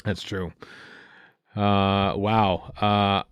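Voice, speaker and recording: A middle-aged man co-hosting a podcast in casual chat, animated and jokey, quick to exclaim. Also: fairly low pitch, smooth, no echo. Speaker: podcast co-host.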